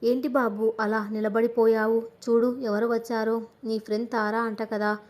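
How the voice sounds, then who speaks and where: A woman's voice: fairly high pitch, little pitch movement, moderate pace, a little mellow, natural voice. A woman voicing a kindly middle-aged mother who talks cheerfully and fusses over her son, in an audio story. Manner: cheerful, then anxious questioning.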